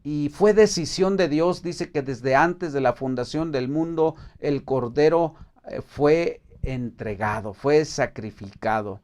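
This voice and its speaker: A man's voice: fairly high pitch, takes it slowly, a little mellow. A man with a Mexican Spanish accent teaching a Bible study in a casual, hesitant way, with many fillers and restarts, reading verses aloud.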